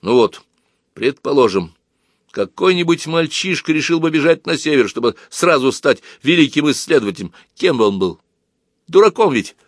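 A man's voice: on the high side, very animated, normal speed, no echo, clean studio sound, pitched above the performer's own voice. A man reading a story aloud, voicing an earnest teenage boy who argues his plan emphatically and persuasively.

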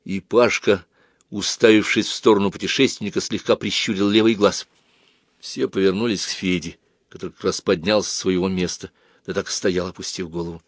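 Low-voiced man reading a story. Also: a little fast, dry recording, clean studio sound. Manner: expressive, lively storytelling. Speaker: narrator.

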